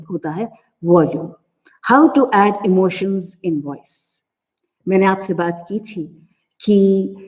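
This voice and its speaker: A middle-aged woman with an Indian accent giving a calm, explanatory lecture on acting voice, often pausing with fillers. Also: medium pitch, slightly rough. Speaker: acting teacher. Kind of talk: lecture answering student questions. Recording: long hall reverb.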